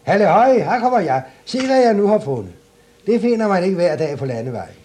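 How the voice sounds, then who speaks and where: A boastful young simpleton, loud and gleeful, leaping up high with every cry, as a man puts him on. Storybook voice, lively and full of swings.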